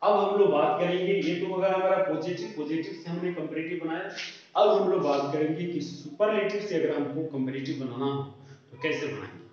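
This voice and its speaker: A man's voice: a little high, brisk, darkish tone. A male English teacher giving a grammar lesson, explaining step by step and answering his own questions. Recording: echoey, distant, dull lo-fi room sound.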